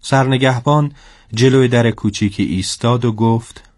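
A man narrating a story in a steady, scripted storybook style. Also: medium pitch, no echo, clean studio sound.

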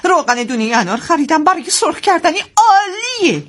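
A woman's voice: very high voice, big pitch swings, a bit bright, full character voice. A woman playing a pushy bargain-hunting shop customer in a comedy sketch, haggling insistently with exclamations.

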